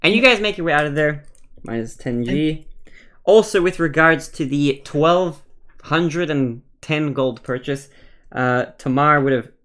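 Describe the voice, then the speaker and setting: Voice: medium pitch, a little slow, fairly bright tone, clean tone. Casual tabletop game master, mid-range voice, playful and exclamatory in narration.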